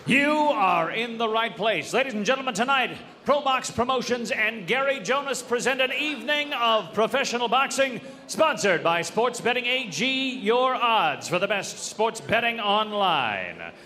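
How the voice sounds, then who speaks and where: A man working as a boxing ring announcer, with a showy, drawn-out delivery in the manner of a lucha libre announcer, heard over an arena PA. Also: extremely high pitch, animated, sharp tone. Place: indoor boxing event center. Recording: echoing arena hall over PA.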